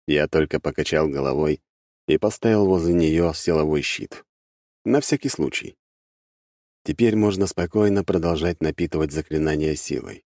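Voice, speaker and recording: A man narrating a first-person fantasy audiobook in a measured, wry manner. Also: extremely low pitch, warm tone, dry recording. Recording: dry close studio sound.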